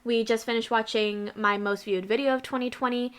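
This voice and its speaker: A woman's voice: fairly high pitch, steady tone, fairly quick, clean tone. A woman hosting her own channel, chatting casually and rambling through a list of her past videos with asides. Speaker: channel host.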